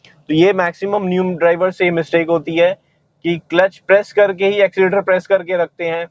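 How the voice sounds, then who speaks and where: A man teaching driving talks through every move while behind the wheel, saying "ye dekhiye" again and again as he shows what he's doing. The lo-fi, echo-free recording carries his high, fairly quick voice with little pitch movement.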